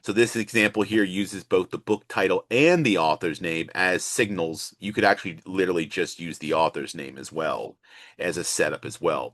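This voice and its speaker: A man's voice: low voice, fairly bright tone, no room sound, studio quality. A male instructor giving an explanatory walkthrough lesson, restating and stressing key points. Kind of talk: instructional screen walkthrough lecture.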